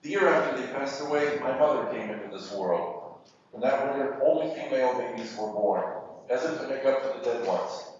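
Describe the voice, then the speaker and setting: A man reading fiction aloud at a literary event, measured and deliberate with pauses, in a university hall. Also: mid-range voice, expressive, darkish tone, a little hiss or hum. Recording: echoey hall, distant mic, muffled.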